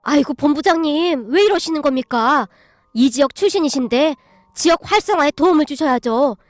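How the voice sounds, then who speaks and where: A woman's voice: high voice, no echo, lightly acted. A woman voicing a fawning older father and landowner in a storybook reading. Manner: fawning, effusive.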